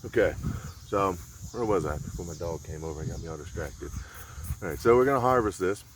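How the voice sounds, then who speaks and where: A man demonstrating survival skills outdoors in a relaxed, rambling, folksy way. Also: sits low, brisk, noisy background. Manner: laid-back, rambling, folksy. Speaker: survival vlogger. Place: outdoors in a rural area.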